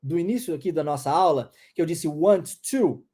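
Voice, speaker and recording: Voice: mid-range voice, animated, moderate pace, dark tone, breathy edge. An English teacher, explaining step by step in an online pronunciation lesson and modeling phrases for listeners to repeat.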